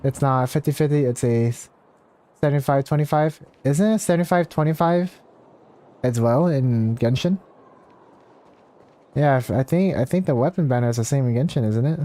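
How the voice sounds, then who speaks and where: During a gameplay livestream, a man with a mellow, mid-range voice talks at normal speed, pausing often. He rambles casually, thinking aloud and reading game text over the game's music.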